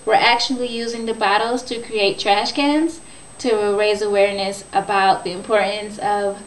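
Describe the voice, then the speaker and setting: A woman's voice: medium pitch, a little hiss or hum. A woman in her twenties from Ohio, explaining her volunteer work in an earnest, informal way with some fillers. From Ohio, USA. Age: 20s. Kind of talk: casual self-introduction video. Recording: echoey room, mic at a distance.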